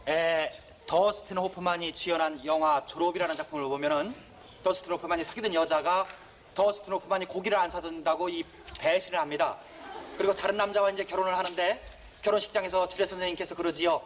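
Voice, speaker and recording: A man performing a comic courtroom sketch as a defense lawyer, pleading in an exaggerated, rapid comic manner. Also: high-pitched, steady tone, a bit bright, slight background noise.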